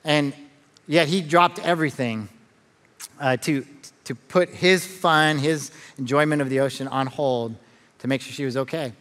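A middle-aged man preaching from a church stage, telling a story with a lively, animated delivery. He often doubles words as he starts a line. His voice sits a little high, and a long reverb trails each phrase through the large hall. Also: a little slow. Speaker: pastor. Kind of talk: sermon storytelling. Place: church auditorium.

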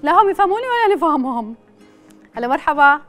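A woman's voice: high voice, very animated, very fast, a bit bright, faint music behind. A woman with a Yemeni accent presenting a live phone-in game show, chatting and playfully teasing callers. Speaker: host of a televised phone-in quiz show.

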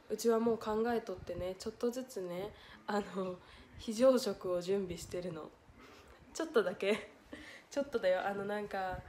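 On a casual livestream, a young idol with a Hiroshima Japanese accent reads viewer comments aloud and thanks them, giggling often. Her mid-range voice is mellow, and there's a little hiss or hum in the audio.

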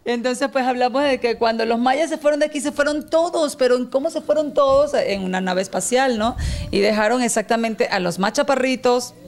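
Venezuelan woman, 30s, talk show guest; playful, rambling, higher voice. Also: a little fast. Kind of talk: casual studio chat. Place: TV studio set. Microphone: handheld mic.

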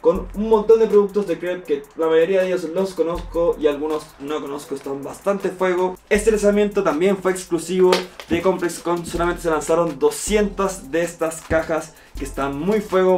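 A young man from Chile talks through his streetwear purchases, upbeat and full of slang. His voice sits a little high for a man. A faint music bed plays beneath him as he sits at a table with the camera in front of him. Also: a little mellow. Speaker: streetwear vlogger. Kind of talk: casual unboxing vlog.

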